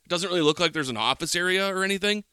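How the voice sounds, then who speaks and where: Bright-voiced man ranting. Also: high-pitched, very fast, smooth, no room sound, clean studio sound. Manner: rambling, profane, exaggerated rants. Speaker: podcast co-host. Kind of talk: casual chat, storytelling.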